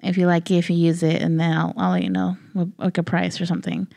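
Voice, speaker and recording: A woman's voice: fairly low pitch, flat delivery, fast, gravelly, warm tone, no echo. A woman co-hosting a casual podcast, laid-back and laughing often, swearing freely as she tells a story. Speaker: podcast co-host.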